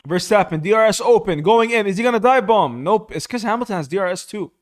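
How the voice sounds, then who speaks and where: Fast and high-voiced, this young streamer comments live on a motor race in a loose, hyped-up way, dropping "bro" again and again.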